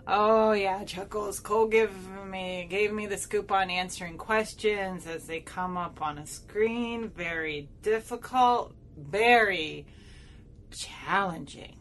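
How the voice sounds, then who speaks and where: A woman's voice: mid-range voice, takes it slowly, a little hiss or hum. An actress playing a sarcastic woman show host who has been drinking, with a smoky voice and a rambling manner. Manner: sarcastic, rambling, swings loud and soft. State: tipsy from drinking. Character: tipsy sarcastic woman podcast host, prickly. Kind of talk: audio drama.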